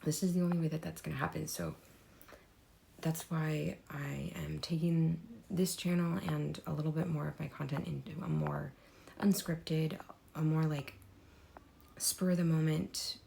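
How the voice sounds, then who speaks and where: Woman, deep gravelly hoarse voice, rambling candid vlog from her home art room, faint hiss. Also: fairly even intonation, normal speed, warm tone. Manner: rambling, many fillers and restarts. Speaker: artist vlogger. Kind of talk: unscripted personal vlog. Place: home room with desks and easel.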